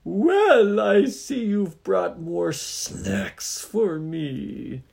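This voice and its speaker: A man voicing a huge hungry demon who speaks slowly and gloats over his next meal. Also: sits high, sing-song, gravelly, a little mellow, voice pushed up, exaggerated voice. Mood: gloating. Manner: slow, gloating, menacing.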